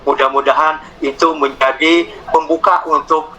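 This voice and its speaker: A man moderating an online meeting, speaking haltingly with many fillers and pauses. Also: a little high, fairly even intonation, bright, forceful tone, slight background noise, poor audio.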